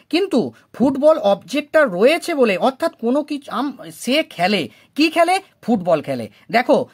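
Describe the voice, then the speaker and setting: A woman's voice: medium pitch, husky. Woman teacher walking students through grammar rules, patient, points at examples, voice rises and falls a lot. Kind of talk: explaining lesson in Bengali.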